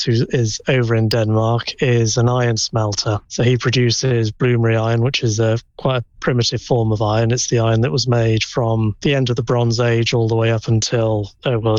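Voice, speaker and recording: A man speaking as a radio call-in guest, explaining things in a measured, matter-of-fact way over a remote link. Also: mid-range voice, dry recording. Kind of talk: explanatory interview talk. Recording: dull, dry remote link.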